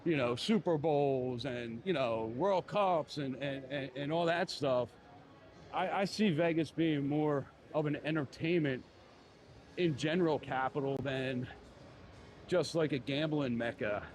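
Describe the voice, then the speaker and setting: A man's voice: fairly high pitch, a little slow, over music. A man with a Philadelphia accent, chatting casually on a live stream as he walks a city street, rambling and full of fillers like "you know". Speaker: live-streaming walking vlogger. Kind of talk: casual live-stream chat while walking. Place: outdoors on a busy city street.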